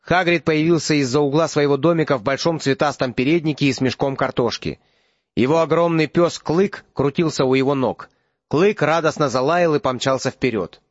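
A man narrating an audiobook in an even, steady storytelling manner. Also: fairly high pitch, moderate pace, no echo, muffled recording. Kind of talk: scripted narration.

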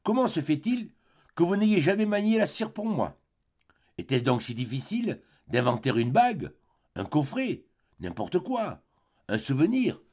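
A man's voice: medium pitch, huge pitch swings, unhurried, a little mellow. A man putting on a bitter, possessive spinster woman. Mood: reproachful. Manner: pleading, possessive, reproachful. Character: bitter jealous spinster woman in her forties.

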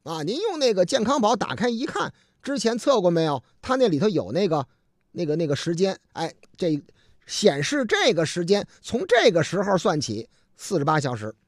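A male radio host chats and tells a story, his voice high and animated, with loose, colloquial asides throughout. The sound is dry and close, with no room echo. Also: normal speed. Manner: colloquial, lots of fillers and asides. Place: radio studio.

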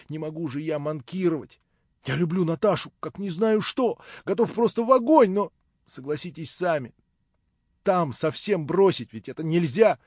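A man's voice: fairly high pitch, husky, dry recording, pitched above the performer's own voice. A man reading an audiobook, voicing an impulsive young man who gushes and begs for help. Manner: gushing, effusive. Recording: dull, dry lo-fi recording.

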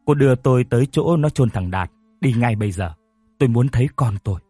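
A man voicing a grieving elderly mother who is stern and broken, speaking slowly with bitter pleading. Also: medium pitch, expressive, dark tone, slightly rough, no echo, soft background music. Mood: urgent.

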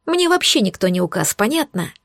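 A woman voicing a defiant young maid who is sharp-tongued and mocking, scoffing in a raised voice. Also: mid-range voice, big pitch swings, a little fast, vocal fry, dry recording, clean studio sound.

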